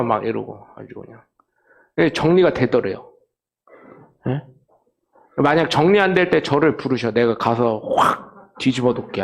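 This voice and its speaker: A male pastor preaching a Sunday sermon in a church, colloquial and joking, swinging from loud acted quotes to low asides. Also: gravelly. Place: church sanctuary.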